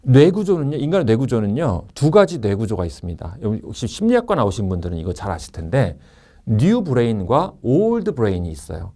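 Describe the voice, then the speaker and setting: A middle-aged man teaching an online sales course, acting out customers and staff in quick asides. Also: mid-range voice, sing-song, dark tone. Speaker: sales trainer and lecturer.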